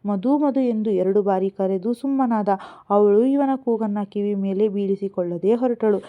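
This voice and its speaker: A woman storyteller narrating a romantic serial novel in an earnest, expressive way. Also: medium pitch, moderate pace. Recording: tinny phone-like sound.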